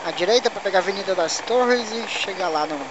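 A man's voice: sits high, quick pace, lo-fi sound. Chatty Brazilian man riding a motorbike. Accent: Manaus Brazilian Portuguese. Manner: chatty, slangy, chuckles to himself. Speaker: motovlogger. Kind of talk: casual riding commentary. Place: riding a motorcycle on city roads outdoors. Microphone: helmet or bike camera mic. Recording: loud wind and engine noise.

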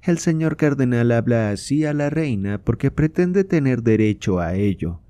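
A man's voice: mid-range voice, animated, moderate pace, warm tone, dry recording, pitched above the performer's own voice, lightly acted. A man reading aloud, voicing a proud and indignant queen with a raised, fervent, declamatory delivery. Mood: scornful.

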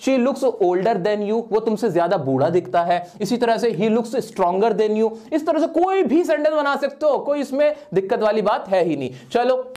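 A male teacher with a fairly high voice works through a grammar lesson at a whiteboard. He fires questions at his class and answers them himself, now and then voicing a student's question. His delivery is that of a classroom lesson. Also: lively intonation, unhurried, mellow. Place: at a whiteboard, writing while teaching.

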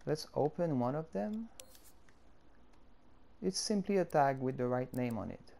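Walking viewers through a game-editor tutorial step by step, this French man speaks English with his native accent. His voice is warm and leans high. He keeps an unhurried pace, explaining each stage and dropping in fillers as he goes.

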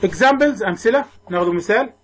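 A man with an Egyptian Arabic accent teaching English grammar in a recorded lesson. He explains step by step, asking questions and answering them himself, and reads word lists slowly for the class to repeat. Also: high voice, lively intonation, a bit bright, husky, poor audio.

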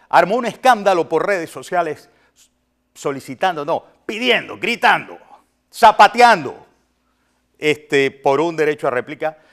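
A man hosting a morning news talk show, commenting emphatically and stacking words for effect. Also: mid-range voice. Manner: animated, emphatic, piles up words.

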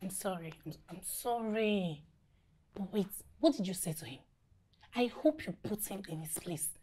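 A woman's voice: medium pitch, sing-song, normal speed, dark tone, breathy edge. An actress playing a teasing, laughing young woman with a Nigerian English accent who mocks her friend. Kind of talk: film drama.

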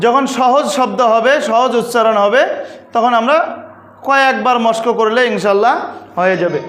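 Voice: mid-range voice, normal speed. A teacher from Bangladesh giving a lesson, drilling letter names aloud and asking the class questions. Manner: asks the class questions and answers them. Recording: echoey room with loud noise.

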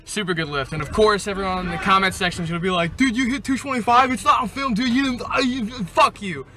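A man's voice: high voice, fast talker, bright, forceful tone. A young man vlogging from his car at night, hyped, profane and joking. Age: young adult. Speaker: fitness vlogger. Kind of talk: casual vlog chat. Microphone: camera held at arm's length. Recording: noisy car and street ambience.

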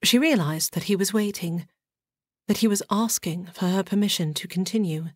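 A woman narrating a historical fantasy audiobook in a measured, softly dramatic reading. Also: mid-range voice, husky, no echo.

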